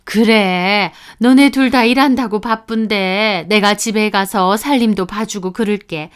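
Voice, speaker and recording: A woman's voice: mid-range voice, a little slow, smooth, natural voice. A woman voicing a controlling middle-aged mother-in-law who keeps pressing her point. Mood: insistent. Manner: insistent, pushy.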